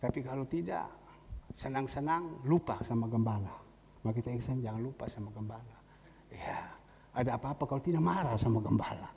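Brisk and warm, with a gravelly mid-range voice, a middle-aged pastor tells a story from the pulpit in a conversational style, voicing each person he quotes. The storytelling sermon was recorded in a church hall that sounds echoey, with faint noise.

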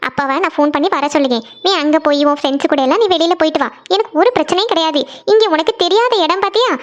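A high-voiced scolding cartoon mother. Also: quick pace. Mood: worried. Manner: scolding, anxious. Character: worried strict mother of a teen girl.

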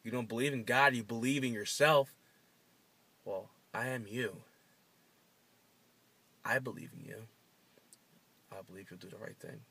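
An actor playing a man's own dark inner self, coaxing and insistent, sometimes sinking to a murmur. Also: medium pitch, unhurried, pauses often, breathy edge, heavily acted. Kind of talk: short film drama.

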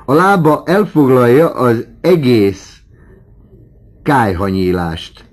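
A man's voice: mid-range voice, sing-song, pitched above the performer's own voice, natural voice. A man reading an audiobook, voicing a sly, sardonic forty-year-old man who drawls his mocking remarks theatrically. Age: 40s.

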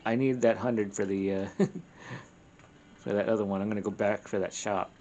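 A man's voice: on the low side, steady tone, normal speed, darkish tone, faint music behind. A man chatting casually while playing a co-op video game, laid-back, chuckling, often trailing off mid-sentence. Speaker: co-op game player. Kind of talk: casual gameplay chat.

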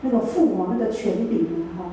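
A woman's voice: mid-range voice, a little fast, warm tone, a little hiss or hum. A middle-aged woman with a Taiwanese Mandarin accent giving a chatty sermon, asking her listeners questions as she goes. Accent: Taiwanese Mandarin, with Taiwanese Hokkien phrases. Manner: chatty, asks the room questions. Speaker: church speaker. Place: church hall. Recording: echoey church hall, mic far off.

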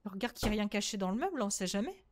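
Streaming a horror game for her viewers, this young adult woman chats casually in a mid-range voice with big pitch swings. Her let's-play commentary is full of free swearing and quick repeated bursts, punctuated by shrieks when something startles her.

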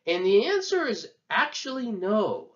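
Male history teacher, conversational, lively pitch, slightly muffled recording. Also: measured pace. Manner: conversational, many fillers and asides.

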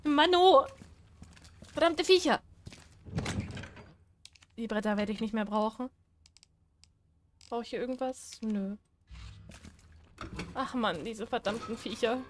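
A woman's voice: on the high side, slow, pauses often, slight background noise. A woman giving casual let's-play commentary, chatty and jumpy, pleading and squealing when scared. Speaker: gaming streamer.

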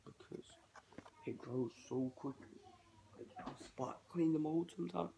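In a small bedroom, a teenage boy who vlogs about keeping reptiles chats loosely about his hobby, rambling and thinking aloud as he works. A cold leaves his unhurried voice stuffy, with gravelly fry at the bottom. His home webcam recording has a clear background hiss.

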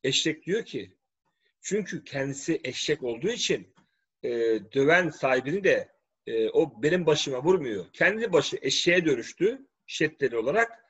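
A man's voice: fairly high pitch, big pitch swings, normal speed, fairly bright tone, breathy edge. A man delivering a preachy, scornful religious-political commentary monologue. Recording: dull lo-fi recording.

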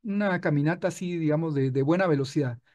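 A man teaching music software in a screen-recorded tutorial, patient and explaining step by step with frequent restarts. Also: a little high, fast.

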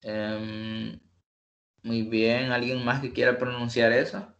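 A man teaching an online English lesson, patient and explanatory, slipping English examples into his talk. His pitch sits at an ordinary middle height. The audio is slightly muffled, as over a video call. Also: monotone, slow pace, a bit bright.

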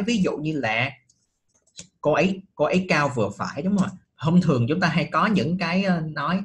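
A man's voice: mid-range voice, a bit bright, husky. A middle-aged man teaching an online English class, patiently checking with students by asking short questions, speaking.

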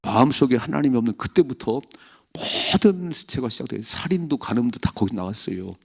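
A male pastor preaching an emotional dawn prayer sermon, swinging between loud and hushed and acting out the voices in the story. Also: mid-range voice, animated, fairly quick, creaky, slightly rough. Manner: acts out voices of parents, David and the devil in quoted lines.

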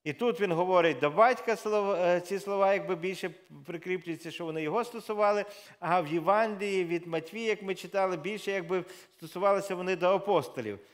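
Preacher, male, fairly high voice, relaxed sermon delivery with "uh" fillers, lifts his voice for scripture readings. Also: fast talker. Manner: conversational preaching with fillers and self-corrections; reads scripture aloud with raised emphasis. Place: church.

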